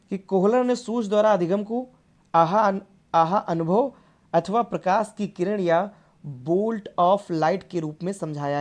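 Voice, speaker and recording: Low, mellow-voiced woman teaching a lesson. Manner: repeats and rephrases points, asks and answers own questions. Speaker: exam prep teacher. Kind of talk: explanatory lecture.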